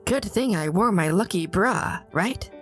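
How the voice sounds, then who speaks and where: A man's voice: high voice, animated, a little slow, a bit bright, faint music behind, pitched above the performer's own voice. A man voicing a brash, cheeky teenage girl who travels through time, with a sassy, mocking way of talking. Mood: relieved, cheeky. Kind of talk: audiobook narration.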